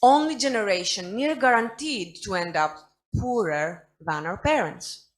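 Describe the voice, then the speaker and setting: A young woman delivers a prepared conference talk, moving briskly through her points at an ordinary middle pitch. She drops in wry asides along the way. It sounds like she is speaking over a video call. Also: animated, low-quality recording. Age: young adult. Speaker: panelist.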